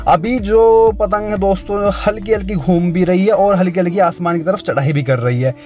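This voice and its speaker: A man's voice: high voice, normal speed, darkish tone, soft background music. A young man vlogging from an open rooftop, chatting casually and calling out a kite match live. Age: young adult. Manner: chatty, keeps saying "friends" and "okay?". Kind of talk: casual demo and live commentary.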